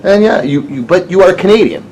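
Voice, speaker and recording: A man's voice: sits high, sing-song, a little fast, a little mellow, a little hiss or hum, poor audio. A man moderating a panel, affirming speakers and calling on them by name.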